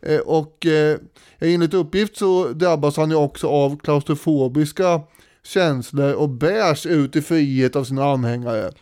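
Male podcast co-host, casual history storyteller, smooth resonant voice, slightly high, dry close sound. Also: no room sound. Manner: animated retelling with frequent fillers.

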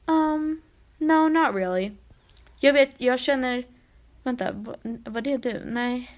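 Young woman telling lively stories. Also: high-pitched. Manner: animated storyteller acting out quotes. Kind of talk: casual chat.

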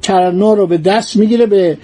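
A man telling a historical story in a lively way, mixing old formal phrasing with casual speech. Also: high-pitched.

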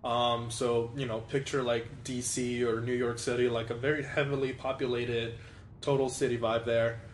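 A young man from Venezuela, a podcast guest chatting casually, laughing often and filling pauses with ums and you-knows. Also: medium pitch, little pitch movement, slight background noise. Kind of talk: casual chat. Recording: roomy echo.

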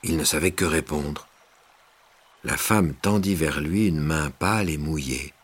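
A man giving theatrical scripted narration of a legend, swelling at tense moments and hushing at calm ones. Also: rumbling low, a little slow, slightly rough. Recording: music bed underneath.

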